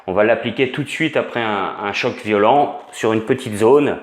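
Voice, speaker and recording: A man's voice: lowish voice, moderate pace, roomy sound. A man giving an informal spoken lesson as an instructor, hesitant, with many fillers and restarts. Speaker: essential oils instructor.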